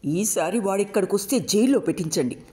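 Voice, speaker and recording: A woman's voice: mid-range voice, animated, a little fast, warm tone, pitched above the performer's own voice, lightly acted. A woman storyteller voicing a furious middle-aged mother who screams and weeps at her daughter. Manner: screaming, tearful.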